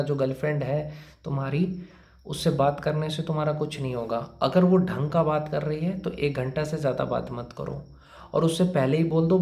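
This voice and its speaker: A man's voice: on the high side, vocal fry, dark tone. A man giving blunt, lecturing relationship and career advice, repeating his points to the listener. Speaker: advice speaker. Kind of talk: motivational advice talk. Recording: echoey room.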